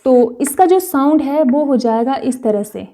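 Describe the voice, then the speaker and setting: High-pitched woman teaching Korean patiently. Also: animated, warm tone, a little hiss or hum. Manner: patient, repeats practice words slowly, frequent "okay". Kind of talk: explanatory online lesson.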